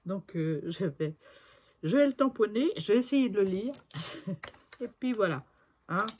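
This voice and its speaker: A woman's voice: mid-range voice, animated, unhurried, darkish tone. A woman in her sixties chatting through a crafting tutorial, talking to herself as she works and often trailing off to a murmur. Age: 60s. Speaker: crafting video maker.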